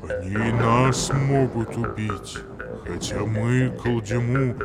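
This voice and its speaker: Man voicing a gravelly, slow giantess mother. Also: medium pitch. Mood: solemn. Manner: very slow, heavy, solemn warnings. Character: huge dying mother giantess, fierce and grave. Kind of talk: storybook reading. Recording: music playing behind the voice.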